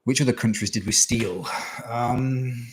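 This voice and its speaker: A man's voice: medium pitch, unhurried, slightly rough. A man, a teacher, answering questions in a casual live stream with dry, self-mocking humor. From England. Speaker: English teacher.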